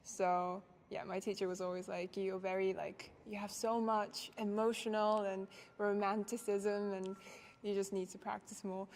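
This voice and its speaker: Young woman from Japan, interviewee, thoughtful, soft-spoken, faint background hiss. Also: medium pitch, level tone, moderate pace. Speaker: interviewee, violinist. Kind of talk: recorded interview answers.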